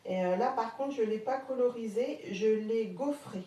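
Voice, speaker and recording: A woman's voice: on the high side, normal speed, warm tone. A woman with a Haute-Marne French accent hosting a casual live crafting demo, chatting with viewers and hesitating often with fillers. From France. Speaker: craft live-stream host. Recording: roomy, distant, faint background hum.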